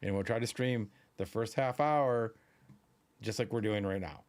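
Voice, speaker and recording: A man's voice: fairly low pitch, normal speed, a little mellow. A man co-hosting a live stream, talking in a loose, rambling, chatty way with plenty of fillers. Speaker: podcast co-host. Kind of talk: casual live-stream chat.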